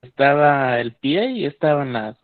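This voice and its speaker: A man's voice: mid-range voice, expressive, a little slow. A male student answering hesitantly in an online class, his voice breaking up over a bad call connection. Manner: hesitant, searching for words. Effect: choppy bad call connection. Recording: dull, choppy video-call audio.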